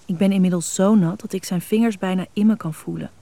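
A woman reading a scripted story in a soft, intimate, unhurried way with a husky voice. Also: medium pitch, fairly even intonation. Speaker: narrator. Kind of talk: scripted erotic story narration.

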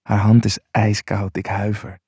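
A man narrating an intimate first-person erotic story in a low, unhurried voice. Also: flat delivery, warm tone, slightly rough, no echo, clean studio sound.

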